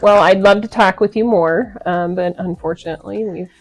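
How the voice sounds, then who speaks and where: A woman's voice: mid-range voice, fairly even intonation, normal speed, poor audio. A woman hosting a casual interview, prompting her guest with questions and frequent encouraging murmurs. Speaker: host.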